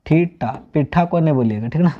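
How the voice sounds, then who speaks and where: A man with a slightly high, brisk voice teaches a math lesson online, asking questions and then answering them himself. He is from Bihar, India, and speaks Hindi with a Bihari, Magahi-tinged accent, mixing in regional dialect. The recording sounds dull and lo-fi.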